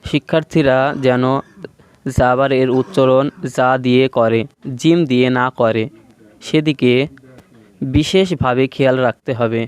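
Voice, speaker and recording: Slow, clear-voiced man teaching letter sounds. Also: medium pitch. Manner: repeats each letter slowly with its vowel mark. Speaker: Quran reading teacher. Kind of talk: slow step-by-step recitation lesson.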